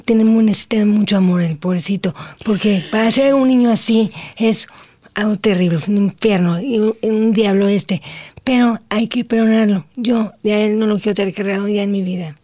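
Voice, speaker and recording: A woman, speaking slowly and deliberately as an interview guest telling her personal story. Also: medium pitch, mellow. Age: 40s. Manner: slow, deliberate, earnest speech after recovering her voice.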